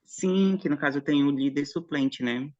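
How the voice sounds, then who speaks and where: A man chatting casually with a colleague before an online conference session, friendly and quick to laugh, heard over a video call. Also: fairly high pitch, darkish tone, highs cut off. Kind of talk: casual online meeting chat.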